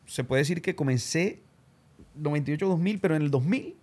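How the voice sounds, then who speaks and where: A man's voice: fairly high pitch, brisk, breathy edge. A man hosting an interview, telling his own story casually, full of slang. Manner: animated, slangy, does voices of people he quotes. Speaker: show host and radio announcer.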